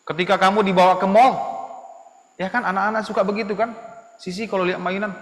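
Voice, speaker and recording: Guy teaching sunday school kids, high-ish voice, acts out kid voices, big roomy church hall sound. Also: quick pace. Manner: animated, acts out children's voices. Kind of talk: children's sermon. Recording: echoey hall with long reverb.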